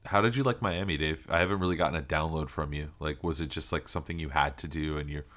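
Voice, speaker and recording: A man with a very low voice chats casually as a podcast co-host. He is sarcastic and jokey, and swears freely. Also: fast, a bit bright, slight background noise. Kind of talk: casual comedic chat.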